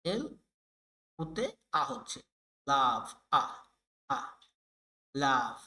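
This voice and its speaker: Bright-voiced man teaching phonics. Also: medium pitch, sing-song. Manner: slow, repeats sounds and words many times. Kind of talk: phonics lesson for children.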